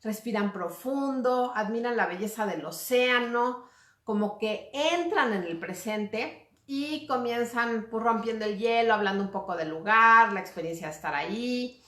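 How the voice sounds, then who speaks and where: Speaking as a communication coach, a woman gives viewers a relaxed, conversational lecture, dropping in little tag questions to check in. Her voice sits on the higher side, unhurried and fairly bright, and the room adds a spacious echo.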